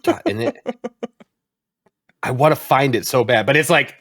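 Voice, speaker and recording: A man's voice: medium pitch, normal speed, vocal fry, no room sound. A young man co-hosting a gaming podcast, rambling and swearing as he tells stories in casual chat. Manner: rambling, profane, animated storytelling. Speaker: podcast co-host.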